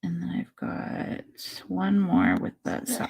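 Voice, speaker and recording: A woman with a heavily gravelly, husky voice chats through her painting on a livestream, sniffly with allergies. Her pitch swings widely, and she often trails off into quiet murmurs. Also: sing-song, slow. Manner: chatty, talks through her painting, drops to soft murmurs. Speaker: rock painting livestream host. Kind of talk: casual chat while painting.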